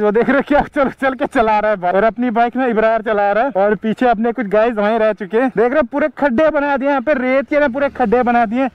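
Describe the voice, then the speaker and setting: A man vlogging casually while riding off-road, calling out excitedly to friends and viewers on sandy ground outdoors, recorded on an action camera. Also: very high-pitched, clear, resonant tone, dull audio. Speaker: motorbike vlogger. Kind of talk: casual off-road vlog commentary.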